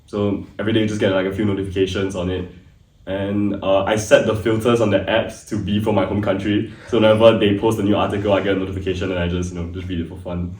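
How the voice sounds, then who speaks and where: A man's voice: low voice, fast. A young man in his twenties from Singapore, a student guest talking casually and laughing easily. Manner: relaxed, chatty, laughs easily. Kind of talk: casual chat. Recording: echoey room, mic at a distance.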